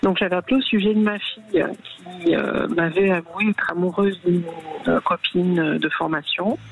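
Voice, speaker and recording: A woman's voice: lowish voice, normal speed, faint music behind. A middle-aged woman calling in to a radio show, speaking hesitantly with many fillers over a phone line. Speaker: caller. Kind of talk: radio call-in.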